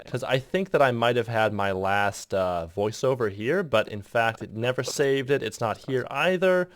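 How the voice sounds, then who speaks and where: A man talks through an editing tutorial in a loose, rambling voice-over, breaking off mid-thought and chuckling at himself. His pitch bounces around a lot. The recording is close and dry, with no room sound. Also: expressive, moderate pace, no echo. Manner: rambling, self-interrupting, chuckling asides. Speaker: video editor explaining his process.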